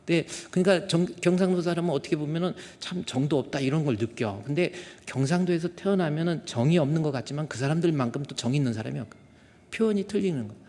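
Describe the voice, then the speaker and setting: A man's voice: fairly high pitch, fast, a little mellow. A male pastor preaching a sermon in a conversational way, often putting rhetorical questions to the congregation. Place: church sanctuary. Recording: long reverb of a church hall.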